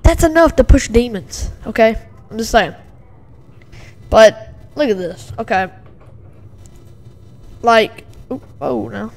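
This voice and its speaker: A woman's voice: fairly high pitch, lively intonation, slow, creaky, pauses often, a little mellow. A woman giving a casual, agitated reaction commentary from home, rambling with many fillers and repeats. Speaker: video commentator. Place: home with a dog and a TV in the background.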